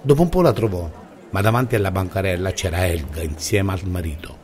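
A man narrating a children's story in a calm, measured way. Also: deep voice, a faint crowd.

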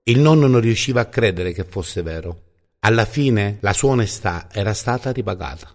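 Low, calm male storyteller. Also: moderate pace. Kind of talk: scripted storybook narration.

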